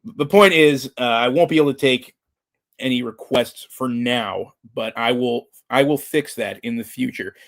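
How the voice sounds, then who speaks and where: A man hosting a livestream, chatting informally to viewers in a halting, rambling way. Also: mid-range voice. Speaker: livestream host. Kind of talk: casual chat to a livestream audience.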